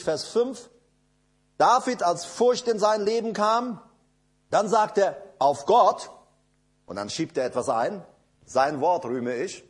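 A man preaching a sermon, emphatic and repetitive, speaking straight to his listeners and swinging between loud declarations and low asides. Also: husky.

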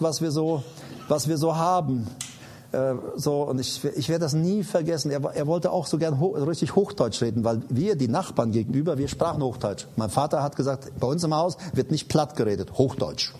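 A man from Paraguay preaching with a somewhat high voice. He hammers his points through repetition and swings from loud exhortation to quiet, personal storytelling. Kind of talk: sermon.

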